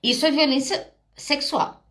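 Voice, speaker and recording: Answering audience questions on her live podcast, this Brazilian woman psychologist speaks with a Brazilian Portuguese accent in a high-pitched, fairly bright voice. Her intonation stays fairly even and her pace measured. She comes across as direct and emphatic, driving points home with quick check-ins to her listeners.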